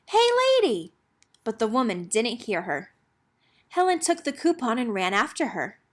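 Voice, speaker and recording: A woman with a fairly high voice reads a kids' picture book aloud, telling the story expressively at a moderate pace.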